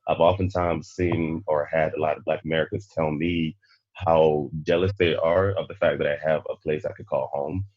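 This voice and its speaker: A man born in Nigeria, hosting a panel discussion and speaking in a measured, reflective way. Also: very deep voice, little pitch movement, no room sound, lo-fi sound. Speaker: podcast host.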